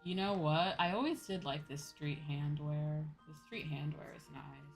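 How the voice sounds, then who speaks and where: A chatty woman streamer, her voice sitting low and her pace measured, plays an online game over clear background music. Her livestream talk is informal and thinking-aloud, peppered with "you know" and "like."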